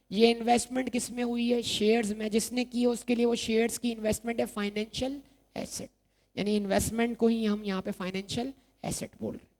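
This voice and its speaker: Speaking in a very high voice with a darkish tone, a man lectures on accounting for exam prep in a recording, asking the class questions, supplying the answers, and repeating important terms.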